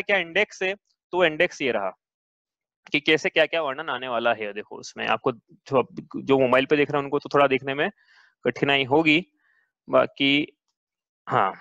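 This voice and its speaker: A man's voice: fairly high pitch, fairly bright tone, no echo, muffled recording. A man explaining a Jain text in a lesson, thinking aloud and asking rhetorical questions, with frequent restarts. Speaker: teacher of Jain scripture.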